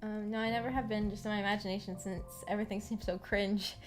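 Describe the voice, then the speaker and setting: A woman VTuber hosting a visual novel book club chats casually on her livestream, giggly and hesitant, rambling and repeating herself. Her medium-pitched voice is fast and steady in tone. The recording is rough, with background music.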